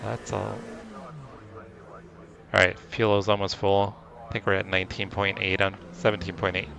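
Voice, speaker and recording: A man's voice: low-pitched, level tone, normal speed, fairly bright tone. Chatty male sim racer over engine noise. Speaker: sim racing livestreamer and driver. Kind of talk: casual livestream chat while racing. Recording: clear car engine noise behind. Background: racing car engine.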